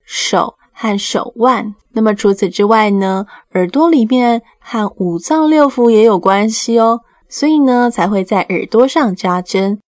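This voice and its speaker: A woman presents a children's radio programme. She speaks at a middling pitch and explains things simply, as though talking to little ones. The sound is dry and close. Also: darkish tone, dry recording.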